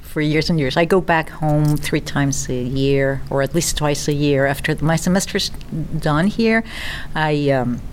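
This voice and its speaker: A woman from Mexico, a college language professor, answering interview questions in a measured way with frequent hesitations. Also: low voice, a little hiss or hum. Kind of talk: radio interview guest.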